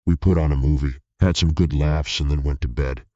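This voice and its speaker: A man narrating a scripted horror story in a steady, tense way. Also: rumbling low, fairly quick, slightly rough, dry recording. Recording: dull lo-fi recording.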